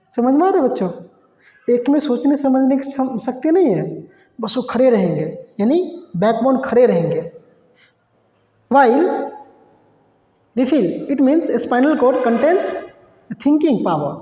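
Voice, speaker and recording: A man's voice: very high-pitched, mellow, echoey room, long reverb tail. A man teaching biology to students, repeating key terms, quizzing the class and mixing in English phrases. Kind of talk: classroom lecture.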